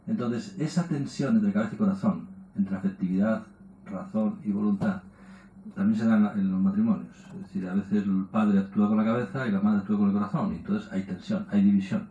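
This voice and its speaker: A man's voice: on the low side, steady tone, brisk, dark tone, echoey room, dull audio, slight background noise. A man giving a lecture, tossing in rhetorical questions and tag words as he explains. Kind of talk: public lecture.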